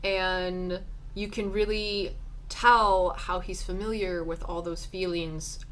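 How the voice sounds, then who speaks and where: A woman's voice: lowish voice, level tone, takes it slowly, a bit bright. A woman chatting casually and informally to camera as a book vlogger, with a slight lisp as if talking around braces.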